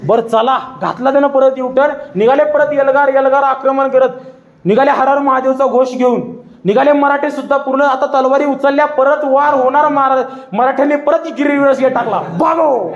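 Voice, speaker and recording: A man's voice: very high voice, fairly quick, muffled recording, a little hiss or hum. A man giving a storytelling history lecture, dramatic and repetitive, acting out voices. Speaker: public speaker. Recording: echoey hall.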